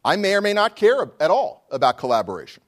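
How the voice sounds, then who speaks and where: Guy doing a scholarly law lecture, reading it out, very formal and erudite, careful deliberate phrasing. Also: sits high, big pitch swings, fairly bright tone. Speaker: law professor giving a lecture. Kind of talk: formal academic lecture, read from a prepared text.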